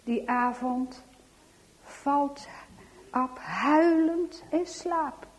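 Slow, high-voiced woman telling a story. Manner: dramatic, swings from hushed whispers to loud exclamations. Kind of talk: children's story reading.

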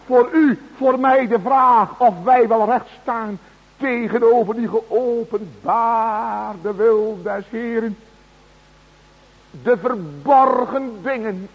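A man preaching a sermon to his congregation, slow and solemn, with emphatic cries. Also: very high voice, slightly rough. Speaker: pastor. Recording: dull radio broadcast in a large hall.

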